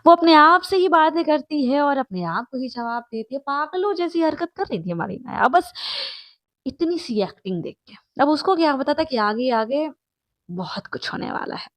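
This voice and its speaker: A woman's voice: sits high, sing-song, moderate pace, no echo. A young woman narrating a story in a chatty, casual way, with asides to the listener and English words mixed in.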